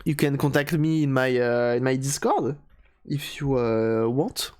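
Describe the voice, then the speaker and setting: Easygoing French streamer chatting. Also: male voice, mid-range voice. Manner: relaxed, repeats his own phrases, halting when speaking English. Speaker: streamer restoring retro game hardware. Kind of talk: casual live-stream chat, answering viewers.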